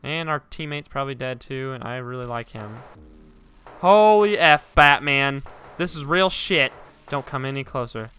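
A young man gives let's-play commentary, cracking jokes and cursing as he reacts. His voice is very bright and clear, pitched a little high, and it jumps around a lot. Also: lively intonation. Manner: jokey, profane, quick to shout. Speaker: gaming YouTuber.

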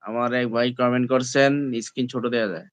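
A man hosts a casual live stream from his phone. His voice comes through smooth and clear, with a dry, close sound and no room echo. He keeps nudging viewers, calling them brother and friends. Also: mid-range voice, steady tone, fast. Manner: repeatedly asks viewers to comment and like. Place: indoors, at home.

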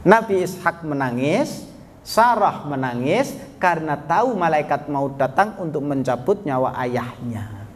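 A man's voice: a little high, big pitch swings, measured pace. A man preaching a storytelling sermon to a study group, chatting with the audience, asking them questions and calling them sir. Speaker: Islamic preacher. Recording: long hall reverb, faint background noise.

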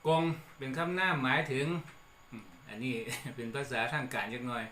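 A middle-aged man with an Isan accent, hosting a relaxed lesson on old regional words and chuckling between points. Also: mid-range voice, normal speed. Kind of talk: casual explanatory talk. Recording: echoey room with faint background noise.

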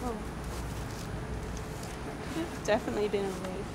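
This young woman's voice sits at medium pitch, expressive and moderately paced, as she hosts a paranormal vlog. Strolling through a nighttime cemetery, she chats and reads names from the gravestones, captured in a noisy outdoor recording.

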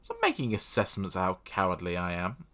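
A young man casually playing a text adventure, reading the game's text aloud and adding deadpan, self-mocking asides at a desk mic. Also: deep voice, brisk. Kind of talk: casual let's-play commentary.

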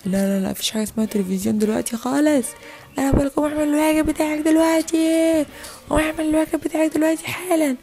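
A woman's voice: mid-range voice, very fast, vocal fry, few pauses, warm tone, faint music behind, natural voice. A woman with an Egyptian accent voicing a strict, bossy babysitter in a toy play video. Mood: scolding. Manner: bossy, scolding.

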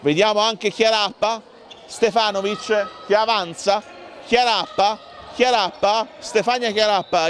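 A man giving excitable live handball commentary, calling out names and plays in bursts. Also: high voice, a little hiss or hum. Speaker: sports commentator.

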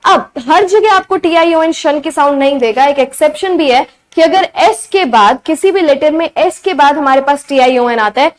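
A young woman teaching beginner phonics, repeating each sound slowly and clearly. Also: high-pitched, a little hiss or hum. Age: young adult. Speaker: English teacher.

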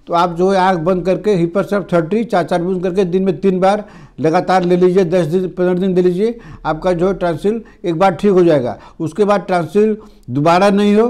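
An older homeopathy doctor from India explains remedies straight to camera, addressing viewers as friends in a plain, repetitive teaching style. His voice sits high with a warm tone, and this health lesson is recorded on a lapel mic in an indoor studio in front of a green screen.

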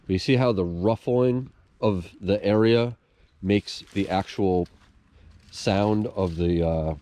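A man, casually explaining outdoor tips to the camera in a relaxed way, recorded outdoors in a forest. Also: on the low side, takes it slowly. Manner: relaxed, explanatory, uses fillers like um and like. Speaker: outdoors channel host. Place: outdoors in a leafy winter forest.

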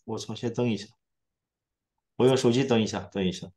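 A man's voice: fairly low pitch, steady tone, a little fast, dark tone. A man joining remotely by phone, repeatedly checking whether he can be heard. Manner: repeats himself, fussing over the connection. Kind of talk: casual audio check. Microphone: phone on a video call.

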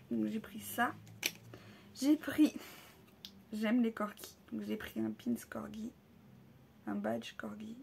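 Gravelly-voiced woman showing her haul. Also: on the high side, slight background noise. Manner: hesitant, many pauses and fillers, drops into soft half-whispers. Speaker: vlogger showing a shopping haul. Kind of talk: casual haul video.

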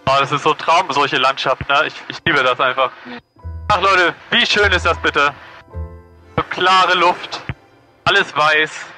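Pilot dude on his cockpit headset, very bright voice, a bit high, keen and chatty about the view. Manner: enthusiastic, marvels at the view. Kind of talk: casual in-flight vlog narration. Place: small plane cockpit.

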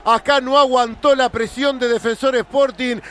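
Man, Uruguayan accent, very high pitch, emphatic football analysis, live radio. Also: steady tone, normal speed, a bit bright. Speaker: football colour commentator.

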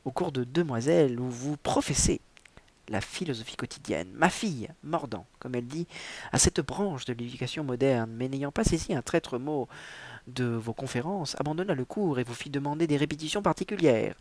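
A man's voice: mid-range voice, expressive, moderate pace, a little mellow. A man reading the lines of a stern, pompous middle-aged merchant father in a formal, lecturing way.

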